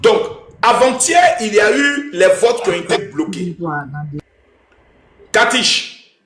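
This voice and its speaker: A young man runs a live stream with loud, emphatic energy and keeps repeating chants to his viewers. His voice sits high. The sound bounces around an echoey room. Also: expressive, slow pace, a little hiss or hum. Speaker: livestream host. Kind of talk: hyped live-stream talk.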